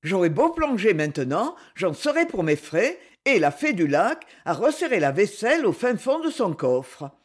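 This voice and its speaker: Guy doing a cheeky laid-back young husband, mocking and unbothered, lively voice. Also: high-pitched, moderate pace, hardly any pauses. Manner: phlegmatic, mocking. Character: nonchalant teasing young husband.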